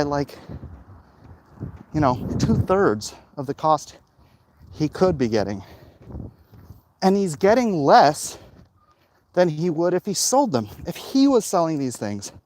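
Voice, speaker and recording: His voice is a little high and a little mellow. Out walking with his phone, this comic artist and livestream host chats casually and emphatically to viewers, rambling as he goes over noisy outdoor sound.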